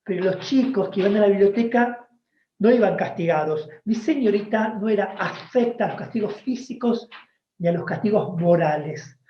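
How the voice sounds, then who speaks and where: Argentine man telling a story with dramatic pauses. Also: high-pitched, roomy sound, highs cut off, a little hiss or hum. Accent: Argentine Spanish. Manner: deliberate, dramatic pauses and emphasis. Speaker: oral storyteller. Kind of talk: told story at a public talk.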